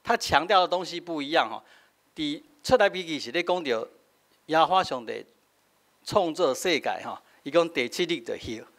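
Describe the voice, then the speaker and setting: A middle-aged Taiwanese-accented pastor explains scripture in a teaching sermon, often tagging sentences with a short "hah" and switching between Taiwanese and Mandarin. His voice is a little high, expressive and fairly bright, at normal speed.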